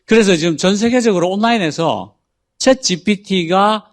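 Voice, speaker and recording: Man patiently explaining AI, slightly high voice. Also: moderate pace. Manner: patient, explanatory, reads out example prompts. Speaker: guest explaining AI. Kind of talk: explanatory talk-show discussion.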